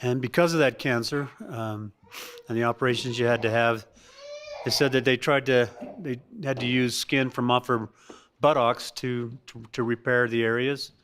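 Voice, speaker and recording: A middle-aged man speaking at a family birthday gathering, with a voice of ordinary pitch. He reminisces haltingly, restarting his sentences often and laughing now and then. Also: steady tone, fairly bright tone, slight background noise. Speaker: son giving a family tribute.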